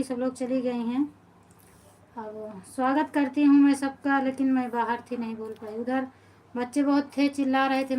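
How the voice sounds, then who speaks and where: A woman's voice: high-pitched, warm tone, rough recording. A woman in her thirties with an Awadhi-inflected Hindi accent, hosting a casual live stream and chatting with her viewers. She greets them by name and grumbles about how tired and busy she is. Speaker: live-stream host and folk singer.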